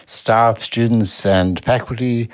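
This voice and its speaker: A man with an Australian accent, a seminary dean, speaking as a guest in measured, deliberate interview answers. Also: mid-range voice, fairly even intonation.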